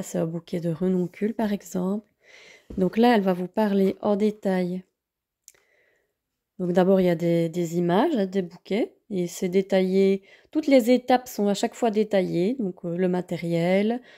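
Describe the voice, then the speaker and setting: A woman's voice: fairly low pitch, vocal fry, mellow. A woman vlogger casually reviewing books, hesitant with many fillers.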